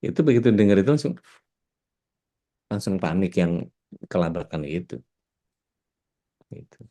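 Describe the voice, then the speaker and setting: A man's voice: low-pitched, moderate pace. A man, an Islamic preacher, talking casually and animatedly, acting out little scenes and mixing in English words. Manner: animated, acts out little scenes while explaining. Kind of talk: casual religious discussion.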